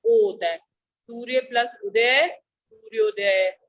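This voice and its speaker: A woman teacher explaining a grammar lesson slowly and patiently, often asking her students questions. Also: a little high, steady tone, highs cut off.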